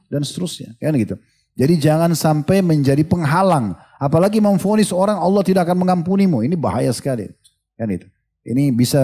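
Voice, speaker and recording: A man's voice: fairly high pitch, mellow, breathy edge. A middle-aged man preaching in a religious study lecture, telling stories with quoted dialogue in a conversational way. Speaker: Islamic preacher.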